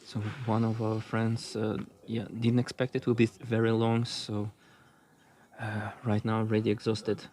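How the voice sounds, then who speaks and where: Halting, soft-spoken man from Russia. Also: lowish voice, monotone. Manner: halting, searching for words with many pauses. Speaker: podcast guest. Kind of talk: casual conversation. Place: outdoors on a walking trail.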